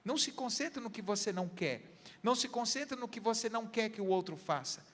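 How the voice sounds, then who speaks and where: A man's voice: high voice, lively intonation, brisk, fairly bright tone, in a large hall. A man with a Brazilian Portuguese accent, a pastor, giving earnest counseling advice with everyday examples on a church program. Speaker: pastor, guest.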